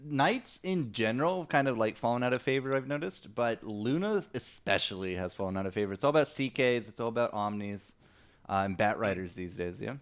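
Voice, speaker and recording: Excitable young male esports caster. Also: medium pitch, a little fast. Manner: excitable, laughing, talks to chat. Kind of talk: live game commentary.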